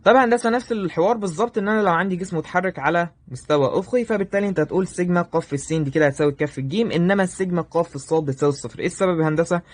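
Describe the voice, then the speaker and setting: A man with an Egyptian accent teaching a review lesson, addressing students directly and checking in with quick questions. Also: sits high. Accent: Egyptian Arabic. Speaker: math teacher.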